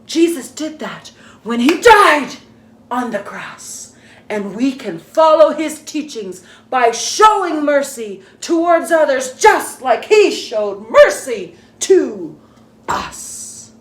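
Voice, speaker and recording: A woman's voice: high-pitched, big pitch swings, takes it slowly, reverberant, heavily acted. A woman playing a vain, theatrical female movie star who gushes and dramatizes as she teaches a children's lesson. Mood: dramatic. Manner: grandiose, dramatic, fake-weepy and gushing. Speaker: children's lesson presenter in character.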